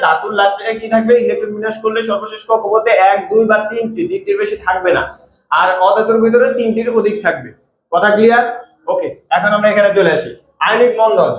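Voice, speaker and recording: A man teaching chemistry in a classroom lecture, repeating key points and asking the class questions. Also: sits high. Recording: echoey room, dull lo-fi sound.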